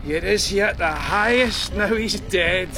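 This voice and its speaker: A scheming young nobleman voiced by an actor gloats in slow, measured verse. His voice sits fairly high and stays cool. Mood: gloating. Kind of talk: classical verse drama.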